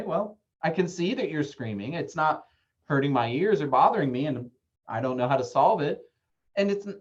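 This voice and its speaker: Chatty man therapist, lo-fi audio. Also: on the high side. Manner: conversational, acts out quoted voices, frequent fillers. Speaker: therapist giving a presentation. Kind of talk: casual talk-style presentation.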